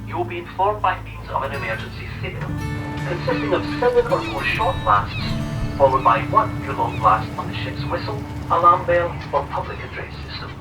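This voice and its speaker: A man giving a formal, measured ferry safety announcement over a ship's public address system. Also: on the high side, lively intonation. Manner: formal, measured and carefully spoken. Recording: distant loudspeaker with loud music.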